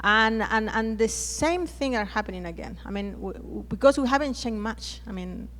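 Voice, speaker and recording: A Chilean woman, Spanish being her native language, speaks expressively at normal speed with a fairly high, fairly bright voice. She is on a panel in a conference plenary hall, hesitating often and restarting words.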